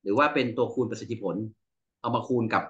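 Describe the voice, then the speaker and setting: A man's voice: medium pitch, fast. Male expert fielding technical questions, thinks aloud with fillers and restarts, mid-range voice, muffled online audio. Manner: explains at length, with many fillers and restarts. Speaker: engineering expert answering questions. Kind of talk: technical Q&A explanation.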